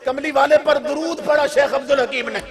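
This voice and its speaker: A man preaching a devotional sermon, telling a story with passion and building to shouted climaxes. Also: very high-pitched, steady tone, crowd noise. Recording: long reverb of a hall.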